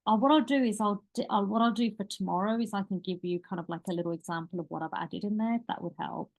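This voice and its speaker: A woman's voice: medium pitch, fast, creaky, a little mellow. A woman leadership coach teaching a live online workshop in a loose, chatty, rambling way that keeps starting over.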